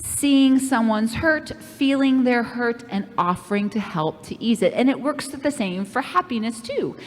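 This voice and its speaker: A woman leading a children's camp lesson, playful and animated as she speaks straight to the kids. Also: a little high, unhurried. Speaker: children's program leader. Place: church. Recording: echoey hall reverb.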